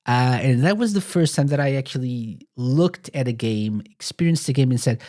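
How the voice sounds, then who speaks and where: With a warm tone and lively intonation, a man from Portugal hosts a podcast at a normal pace in a mid-range voice. His casual stories wander, and he often stops to correct himself.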